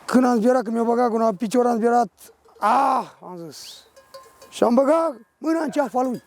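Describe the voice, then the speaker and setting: A man working as a shepherd, telling a personal story in a rough, rambling, vivid way. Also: extremely high pitch, darkish tone.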